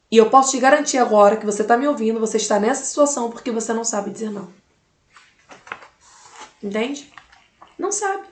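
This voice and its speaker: A fairly high-voiced woman talks straight to the viewer, giving firm motivational advice as a mother. She repeats her key phrases and keeps asking the listener questions. Her voice rings out in a roomy, echoey space. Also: darkish tone.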